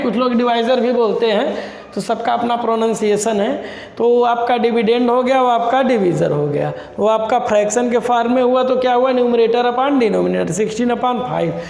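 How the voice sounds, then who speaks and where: A man's voice: extremely high pitch, gravelly. A young man teaching a maths lesson, explaining step by step and repeating key terms back as questions to his students. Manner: calls students "beta". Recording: echoey room with faint background noise.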